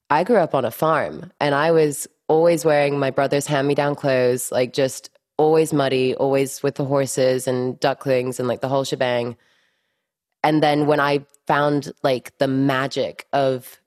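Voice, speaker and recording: A young woman, an actress, with a mixed mostly English accent with a slight Spanish lilt, chatting brightly and gratefully in an interview. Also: extremely low pitch. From born in Miami, raised abroad. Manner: bubbly, grateful, quick to laugh. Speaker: actress guest. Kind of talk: casual interview chat.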